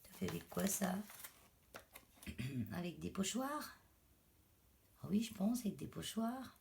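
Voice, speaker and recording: A woman chatting casually as she unboxes craft mail. She is losing her voice, exclaims softly and often drops to a whisper. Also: lowish voice, sing-song, slow pace, gravelly, slight background noise. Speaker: crafting vlogger.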